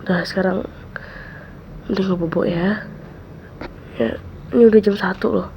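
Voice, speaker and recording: A woman in a whispered role-play, soothing a friend softly and repeating comforting words close to the mic. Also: medium pitch, steady tone, normal speed. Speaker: ASMR role-play creator. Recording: dull lo-fi mic with faint hiss.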